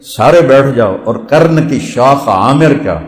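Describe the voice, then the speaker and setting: A man's voice: medium pitch, lively intonation, lightly acted. A man voicing a stern elderly male caliph who calls out commands to a crowd, in a retold story from a sermon. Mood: commanding. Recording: reverberant hall echo.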